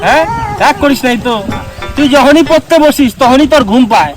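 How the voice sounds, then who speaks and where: A man with a very high voice and a plays a sly fake holy man. He keeps coaxing and asking the same questions over and over. Music plays behind him. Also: lively intonation, fairly quick. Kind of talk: comic sketch dialogue.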